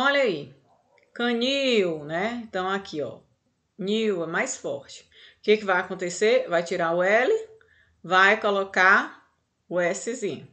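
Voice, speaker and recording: A woman's voice: medium pitch, fairly bright tone. A Brazilian woman teaching a grammar lesson, patient and explaining step by step, checking in often with her students.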